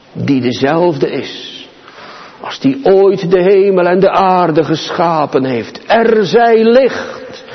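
A man preaching a sermon to his congregation, slow and solemn, with dramatic pauses and emphasis. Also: high voice. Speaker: pastor. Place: church. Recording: dull, reverberant church hall.

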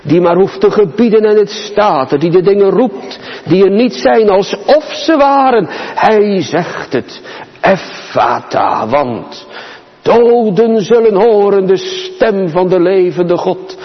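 A man preaching a sermon to his congregation, slow and solemn, with dramatic pauses and emphasis. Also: sits high, animated. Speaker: pastor. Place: church. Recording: dull, reverberant church hall.

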